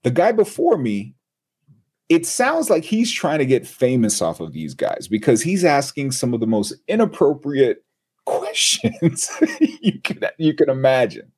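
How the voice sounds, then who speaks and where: A man with a husky, breathy voice and a mid-range pitch tells a story as an interview guest. He keeps it animated, acting out the people he quotes as he goes. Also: measured pace. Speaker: guest, TV and radio personality.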